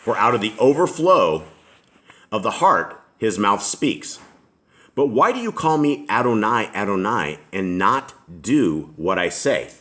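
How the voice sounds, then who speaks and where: This middle-aged host of a home Bible study has a deep, low voice, yet his tone comes across fairly bright and very animated. He takes his time reading scripture aloud, breaking off to ask the group questions.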